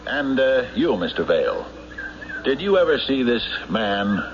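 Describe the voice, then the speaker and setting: In an old-time radio drama, a male actor plays a shrewd, relentless small-town sheriff interrogating murder suspects with deliberate, accusatory pauses. His mid-range voice is sing-song, commanding and sardonic. The lo-fi recording is a noisy, band-limited old radio broadcast.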